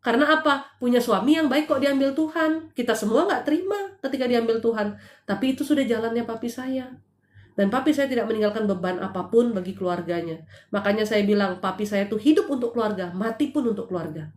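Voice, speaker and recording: A middle-aged woman from Indonesia hosting a live show, telling a heartfelt personal testimony in a lively storytelling manner with rhetorical questions, at home. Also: fairly high pitch, fairly quick. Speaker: host giving spiritual consultation. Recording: echoey room.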